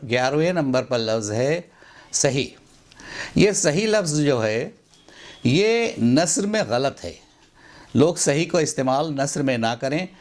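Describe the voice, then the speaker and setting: Slow, deliberate male pronunciation teacher. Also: medium pitch, a little mellow. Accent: Hindi-Urdu. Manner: carefully enunciates and repeats words to contrast pronunciations. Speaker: language teacher. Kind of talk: slow, deliberate instructional explanation.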